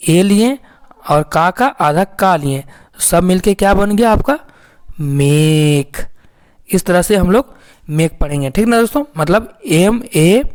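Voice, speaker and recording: Woman teaching phonics, slow step by step, keeps checking "right friends?". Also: medium pitch, a little mellow. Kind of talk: explaining a lesson to viewers.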